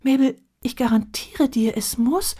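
A woman's voice: high voice, a little slow, breathy edge, pitched above the performer's own voice. A woman voicing a small, stout, flustered woman in a headscarf who stammers, in a storybook reading. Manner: stammering, hushed.

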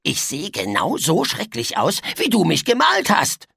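Storybook creature, male, loud and bossy, pitched up and husky, read by a man. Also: wildly swooping pitch, measured pace, no echo, clean studio sound, full character voice. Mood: snide. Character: boisterous angry little male creature.

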